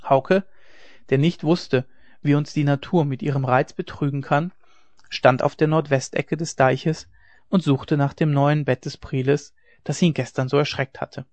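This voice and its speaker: A man's voice: a little high, steady tone, measured pace, a little mellow, dry recording. Man narrating a classic novel. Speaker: audiobook narrator. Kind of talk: scripted narration. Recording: dry, dull lo-fi recording.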